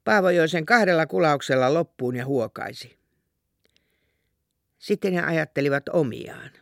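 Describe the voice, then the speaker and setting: A man narrating an audiobook in a calm, measured storytelling manner. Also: on the high side, vocal fry, no room sound, studio quality.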